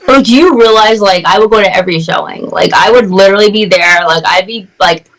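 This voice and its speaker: A woman guest chatting casually over a video call, excited and gushing, saying "like" constantly. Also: mid-range voice, brisk, poor audio. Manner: excited, gushing, heavy use of "like". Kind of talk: casual chat.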